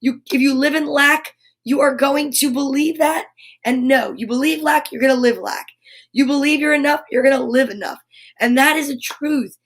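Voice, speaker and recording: A woman's voice: sits high, moderate pace. A middle-aged woman hosting a live story time, talking in an upbeat, encouraging way about positive affirmations. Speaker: children's story time host. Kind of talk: live-streamed casual pep talk.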